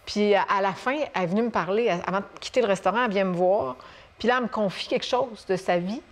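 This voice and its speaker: A woman from Quebec with a Québécois accent, a guest author telling stories in a relaxed chat, full of fillers and restarts. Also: medium pitch, fast. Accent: Québécois French. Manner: animated storyteller, many fillers and restarts. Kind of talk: casual conversation on a talk show.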